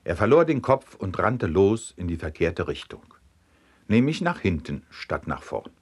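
A man narrating a series of scripted humorous anecdotes in a lively, animated reading. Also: low-pitched, measured pace, slightly rough. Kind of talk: scripted storytelling of jokes.

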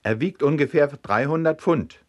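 A pushy, businesslike asylum attendant, as a man reading jokes puts him on. He speaks higher than the narrator's usual voice, rapid and lively. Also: lightly acted. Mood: insistent. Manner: brisk, insistent. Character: insistent male asylum attendant.

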